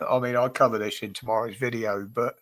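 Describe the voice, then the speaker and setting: Hosting a relaxed livestream chat, a man from the UK speaks briskly at a medium pitch, his tone steady and fairly bright despite a stuffy nose. He keeps up friendly banter, calling out viewers by name with plenty of chuckles.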